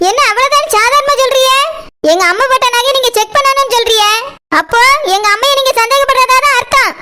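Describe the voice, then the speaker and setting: A woman's voice: very high-pitched, fast talker. A woman voicing Saroja, an angry young wife defending her mother, speaking in an in a heated, protesting way. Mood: indignant. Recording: loud background noise.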